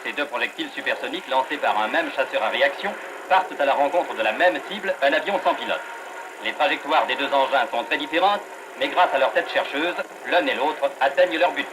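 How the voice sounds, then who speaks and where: A man giving brisk, emphatic old newsreel commentary on an old film soundtrack. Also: medium pitch, noisy background. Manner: brisk, emphatic announcer delivery.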